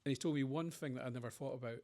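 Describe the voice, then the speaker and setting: Scottish man, middle-aged, brisk rambling anecdotes for a panel Q&A. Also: mid-range voice, a little mellow. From Scotland. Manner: rambling anecdotes with quoted voices. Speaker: panel speaker. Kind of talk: conversational Q&A storytelling.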